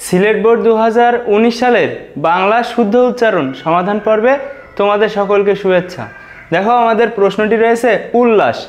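High-voiced male teacher spelling out sounds. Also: lo-fi sound. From Bangladesh. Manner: patient, slows and repeats words syllable by syllable. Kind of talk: spoken exam-prep lesson.

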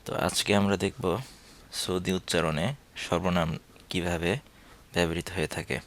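A man teaching a language lesson, slow and deliberate, repeating each example phrase aloud several times. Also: low-pitched, level tone, a bit bright.

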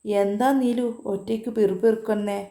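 A woman's voice: medium pitch, steady tone, moderate pace, warm tone, natural voice. A woman voicing a caring middle-aged mother who fusses anxiously over her daughter. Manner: fussing, anxious. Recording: roomy echo.

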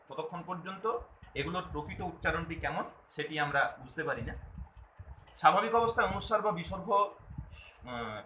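A man teaches a video lesson with a bright, forward voice that sits a little high. He explains patiently, repeating points and asking himself questions before answering. The recording has a roomy echo and a faint hum behind him. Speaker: Bengali language teacher.

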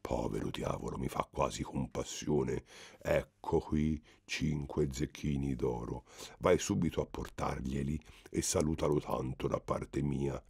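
A big, grumbling puppet master, as a man puts him on in a reading. The voice is very low, gravelly and husky. It is gruff but gentle under the growl. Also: measured pace, no echo, heavily acted.

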